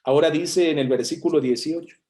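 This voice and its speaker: A man's voice: fairly high pitch, brisk, warm tone. A man preaching a sermon as a minister, explaining a Bible passage and reading verses aloud, with a Mexican Spanish accent.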